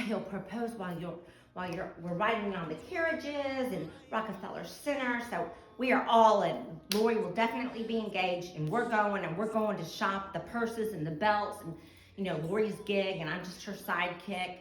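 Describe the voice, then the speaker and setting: A woman telling funny stories about a friend in a casual, animated way, laughing as she goes. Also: lowish voice, echoey room, rough recording. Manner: animated, laughs while telling, shrieks to act out others. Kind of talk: casual storytelling.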